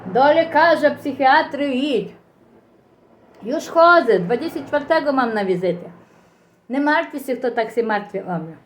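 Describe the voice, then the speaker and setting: A woman's voice: a little high, animated, normal speed, low-quality recording. A middle-aged or older woman with a Ukrainian accent and slurred, toothless articulation, chatting casually and folksily to viewers in a rambling eating vlog. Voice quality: slurred articulation from missing teeth.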